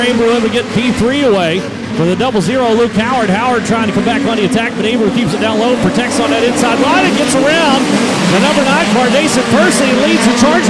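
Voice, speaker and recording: A man calling live motor racing as the track announcer, with the showman delivery of a ringmaster. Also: high-pitched. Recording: very loud engine and track noise. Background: race cars roaring outdoors.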